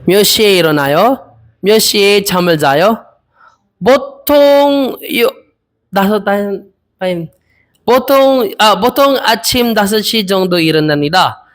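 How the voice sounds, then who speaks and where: A man's voice: high voice, expressive. Young man practicing Korean answers. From Philippines. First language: Filipino. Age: 20s. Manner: hesitant, repeats each phrase slowly. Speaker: Korean language learner. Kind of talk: practicing interview answers aloud.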